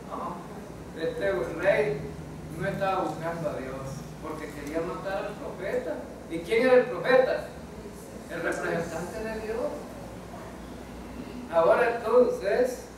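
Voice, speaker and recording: Slow high-voiced pastor, echoey. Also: male voice, background noise. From El Salvador. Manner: asks the congregation questions, repeating "¿verdad?". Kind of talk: Bible study sermon. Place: church. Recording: echoey church hall, mic at a distance.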